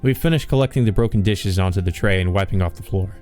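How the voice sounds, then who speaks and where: Low-voiced man narrating a visual novel. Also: fast talker, a little mellow, soft background music. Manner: informal, sweary, rambling asides. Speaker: let's play host reading aloud.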